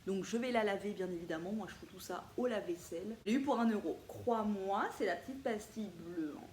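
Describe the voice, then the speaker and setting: A woman's voice: medium pitch, fairly quick. A woman, chatting casually and playfully to viewers about her thrift finds. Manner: chatty, animated, laughs often, playful asides. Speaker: vintage thrift haul vlogger. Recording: echoey room with faint ambient noise.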